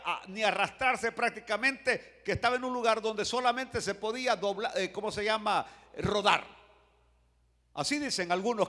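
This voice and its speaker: Animated preaching man, bright voice. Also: sits high. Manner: animated, swings from hushed to shouting, humorous asides. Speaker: pastor. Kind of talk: Spanish-language sermon. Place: church sanctuary. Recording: reverberant church hall.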